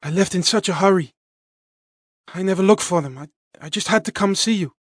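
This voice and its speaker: A man's voice: high voice, fairly quick, no room sound, clean studio sound, voice pushed up. A man voicing a frightened young man who speaks in urgent, pleading bursts in an audiobook.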